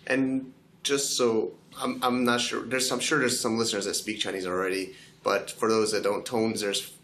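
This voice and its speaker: A man hosting a podcast interview, asking loose, halting questions in a casual manner. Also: on the low side, little pitch movement, fairly bright tone, a little hiss or hum. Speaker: podcast host.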